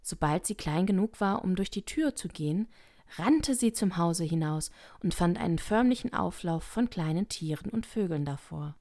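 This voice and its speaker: A woman narrating a children's story in a calm, even reading voice. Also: on the low side, normal speed. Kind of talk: audiobook reading.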